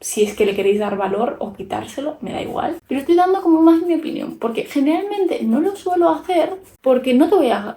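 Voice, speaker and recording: A woman's voice: high-pitched, mellow, reverberant. A young woman with a Spanish accent from Spain chatting frankly in a casual podcast style as a YouTuber, giving her opinions while she draws.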